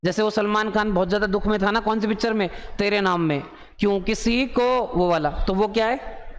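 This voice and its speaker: A male teacher with an Indian accent, explaining exam idioms in a lesson. He asks the class questions and answers them himself, reading the English phrases slowly and explaining them quickly. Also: high-pitched, in a large hall, a little hiss or hum.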